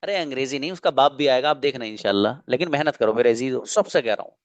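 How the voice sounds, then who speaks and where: A man's voice: medium pitch, fast talker, no echo, muffled recording. Earnest male online teacher, coaxing and repetitive, close and dry. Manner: coaxing, earnest, repeats himself. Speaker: English teacher. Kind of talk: online spoken English class.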